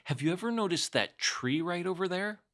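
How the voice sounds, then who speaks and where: A man's voice: high voice, animated, normal speed, fairly bright tone, voice pushed up. Man doing a simple, lilting storybook bear. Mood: earnest. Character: male toy bear, simple, earnest, musing.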